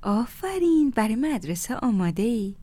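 A woman's voice: on the low side, animated, dark tone. A woman voicing a friendly, chatty middle-aged woman neighbor in a storybook reading. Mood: cheerful.

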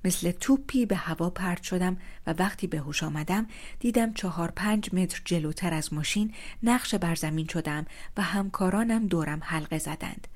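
Lady reading a story out loud, calm, measured, even-paced narration. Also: fairly low pitch. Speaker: story reader. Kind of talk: scripted first-person narration.

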